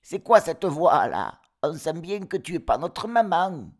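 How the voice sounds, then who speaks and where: Cheeky squeaky goat kids. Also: male voice, little pitch movement, slow, fairly bright tone. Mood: mocking. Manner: mocking, scolding, slangy back-talk. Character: seven cheeky young goat kids, defiant.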